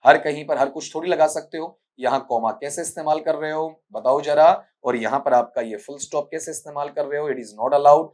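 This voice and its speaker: This male English teacher speaks Hindi with a Rajasthani accent, in a slightly high voice with a darkish tone. During an exam-prep lesson built around student questions, he scolds, calls pupils "बेटा" and checks in with "ठीक है?" again and again. Sounds get spelled out slowly, and words are repeated for drilling.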